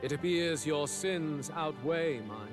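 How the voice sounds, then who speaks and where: Casting: suave, taunting game rival, unhurried, slightly high voice over music. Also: male voice, lively intonation. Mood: smug. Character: suave, mocking male rival returned from supposed death. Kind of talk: video game drama acting. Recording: background music.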